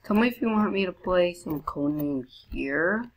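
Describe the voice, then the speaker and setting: Brief: woman, low pitch, let's play commentary, chatty with sudden high squeals. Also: lively intonation, normal speed, a little hiss or hum. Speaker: gamer.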